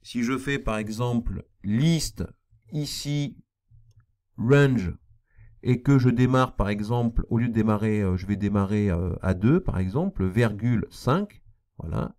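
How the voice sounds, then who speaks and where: A math teacher gives a screen-recorded programming lesson in a lowish, somewhat dark voice with lively intonation and an unhurried pace. He explains step by step, repeats key points, and apologizes for his slight non-standard accent.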